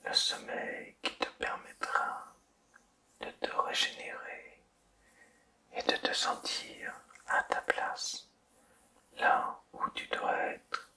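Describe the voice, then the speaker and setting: Someone whispers softly, as though at night, in a slow, soothing, deliberate ASMR style, easing a listener toward sleep with long pauses. The mic is distant and the audio quality poor.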